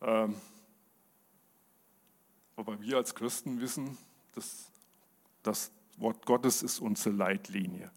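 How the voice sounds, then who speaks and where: A man giving a sermon with Bible readings, speaking earnestly with many fillers and restarts. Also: fairly low pitch. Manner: earnest, measured reading of scripture. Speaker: lay preacher.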